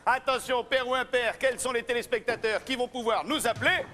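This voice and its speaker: A man's voice: very high voice, steady tone, brisk, sharp tone, slight background noise. A man hosting a live phone-in game show, announcing prizes like a showman and teasing the caller with jokes. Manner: jokey, teasing banter with the caller. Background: music behind the voice.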